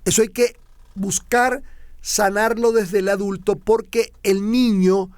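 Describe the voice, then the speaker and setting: A man's voice: high-pitched, fairly even intonation, takes it slowly, darkish tone, clean tone, no echo, clean studio sound. A middle-aged Venezuelan man with a Venezuelan accent hosts a motivational talk, emphatic, repeating and stretching key words for effect. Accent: Venezuelan Spanish. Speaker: motivational speaker and host.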